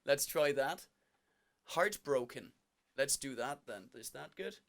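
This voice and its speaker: A man doing stand-up comedy, telling an animated, self-mocking story. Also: medium pitch, slow pace, vocal fry.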